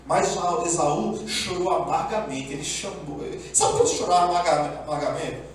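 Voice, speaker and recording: Pastor, animated storyteller, high and expressive voice, echoey church from a distance. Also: male voice, normal speed. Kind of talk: sermon. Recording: echoey room, speaker far from mic, faint background noise.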